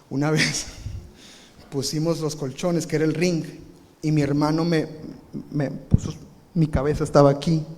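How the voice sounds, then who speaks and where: A male pastor preaching live in a big church, telling a lively story and punctuating it with shouted sound effects. His voice sits high for a man and carries a long hall reverb. It sounds like a recorded church service. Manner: animated, acts out scenes with shouted sound effects. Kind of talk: sermon with comic storytelling.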